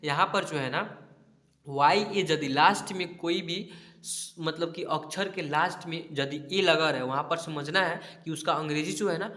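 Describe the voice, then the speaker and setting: A man's voice: a little high, moderate pace, sharp tone, roomy sound. A man teaching a spelling lesson over a screen, sounding out words syllable by syllable and often checking "ठीक है?" with his pupils.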